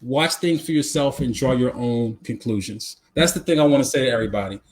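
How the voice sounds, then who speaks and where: Speaking fairly quickly in a mid-range voice, a man co-hosts a live podcast, chatting informally, sharing his views, and repeating phrases for emphasis.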